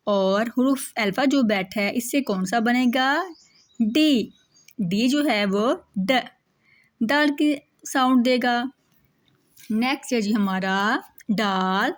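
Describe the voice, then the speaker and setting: Slow, patient woman teaching the alphabet. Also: on the high side. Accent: Urdu-speaking Pakistani. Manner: slow, patient, repeats each sound, asks and answers own questions. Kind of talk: children's alphabet lesson.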